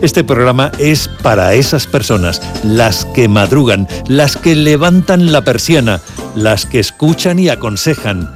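Male announcer, scripted intro, clear music underneath. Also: medium pitch, expressive. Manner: measured announcing. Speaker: program announcer.

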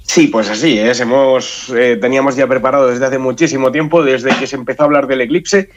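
A man's voice: mid-range voice, fairly even intonation, fairly quick, noisy background. Congested, nasal Spanish man, muffled sound. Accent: Spanish from Spain. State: has a head cold. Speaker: science outreach association spokesman, radio guest. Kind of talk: conversational radio interview. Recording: muffled, dull band-limited sound.

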